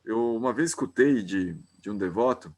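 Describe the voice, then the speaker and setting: A man's voice: lowish voice, lively intonation, normal speed. A man giving a devotional class, retelling a scripture story informally with frequent hesitant restarts.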